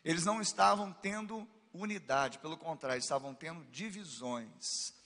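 Man, Brazilian accent, pastor, lively sermon, sharp forceful voice, long church reverb. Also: on the high side, moderate pace. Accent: Brazilian Portuguese. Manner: lively preaching with playful asides and rising exclamations.

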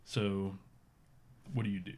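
A man narrating a tabletop role-playing game as game master, in a relaxed, loose way with many fillers. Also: sits low, measured pace, a little hiss or hum.

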